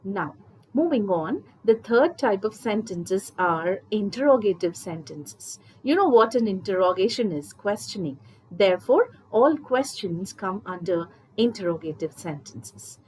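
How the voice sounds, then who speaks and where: A woman teacher gives a grammar lesson at a slow, careful pace. She explains each point patiently and speaks directly to her students. A faint background hum sits under her voice. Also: mid-range voice, lively intonation, darkish tone, rough recording. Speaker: English teacher. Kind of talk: recorded school lesson.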